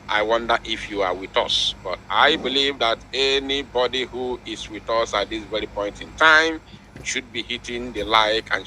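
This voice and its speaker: A man hosting a political breaking news broadcast, reading out announcements and commenting with deliberate, emphatic repetition. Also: fairly low pitch, pushed and bright, slight background noise, rough recording. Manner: emphatic, deliberate, repeating words for weight.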